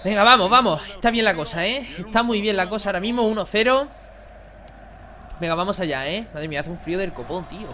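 A young man, excitably commentating his own football video game match for viewers. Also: sits high, fast talker, slight background noise. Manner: excitable, exclaiming, chatty. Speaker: gaming youtuber. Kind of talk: live gameplay commentary.

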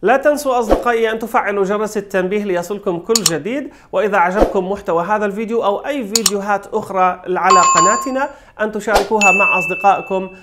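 A man teaching an online language lesson, explaining steps clearly and greeting viewers cheerfully. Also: sits high, very fast, heavy background noise. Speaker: English teacher.

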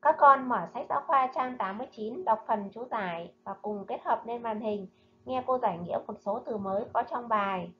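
A woman teacher leads a recorded reading lesson for small children, pronouncing every syllable slowly and distinctly. Her voice sits a little high. The voice-over has a slightly muffled, lo-fi sound. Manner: slow, careful, clearly enunciated reading and drills. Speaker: primary school teacher. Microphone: voice-over narration over slides.

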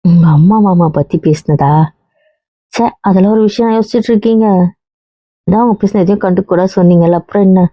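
A woman's voice: mid-range voice, quick pace, dull audio. A woman playing a wife in a scripted family drama, coaxing and teasing her husband.

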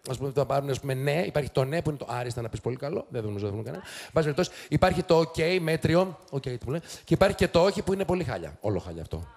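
Sarcastic gravelly male TV host. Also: medium pitch, animated. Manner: sarcastic, teasing, quick mocking asides. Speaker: TV show host. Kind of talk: joking commentary to a studio audience. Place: TV studio. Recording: noisy studio with loud audience. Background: studio audience laughing and cheering.

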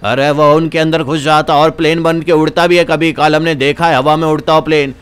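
A man's voice: on the high side, flat delivery, a little fast, smooth, pitched below the performer's own voice, natural voice. A young man voicing a stern old male villager who scolds and warns of ghosts. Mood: grave warning. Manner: grave, scolding, insistent.

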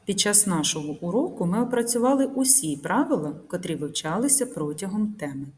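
A woman teacher narrating a recorded grammar lesson, reading example sentences slowly and carefully. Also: lowish voice, big pitch swings. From Ukraine.

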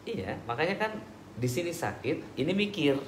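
A man's voice: on the high side, big pitch swings, normal speed. Male ustaz, chatty Q&A, echoey hall, slight hiss. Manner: conversational, acts out dialogues, checks understanding. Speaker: ustaz answering questions. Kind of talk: religious talk with audience Q&A.

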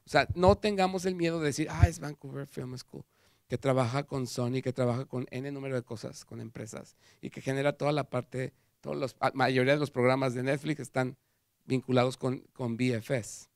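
Gravelly Mexican man giving a lecture. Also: medium pitch, brisk, dry recording, studio quality. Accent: Mexican Spanish. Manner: animated storytelling with acted quotes. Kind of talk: conference talk. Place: lecture hall.

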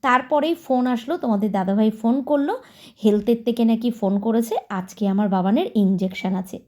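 A homemaker in her thirties from West Bengal talks to camera at home, addressing her viewers directly as she goes. Her voice is soft and mellow, never sharp. Her delivery is casual and chatty, an everyday running commentary. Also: a little high, a little fast. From West Bengal, India. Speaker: homemaker vlogger.

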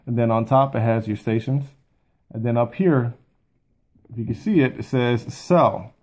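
A man in his thirties, speaking at a medium pitch and normal pace with a slightly mellow quality, gives a casual, plain-spoken product review to the camera. He's a video host recording indoors at home in a small furnished room.

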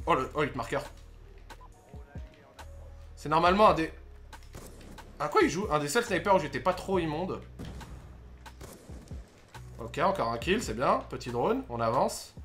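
A young man commentating his own gameplay, excitable, swearing and shouting at the game. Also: on the high side, unhurried, pauses often, soft background music. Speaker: gaming YouTuber.

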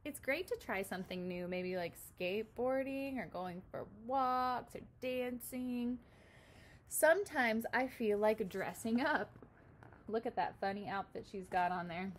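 A young woman in her twenties, a pre-kindergarten teacher, reads a picture book aloud at a measured pace, explaining it in simple, expressive terms and asking young children questions. Her voice sits a little high. She's indoors in a small room at home, with slight background noise.

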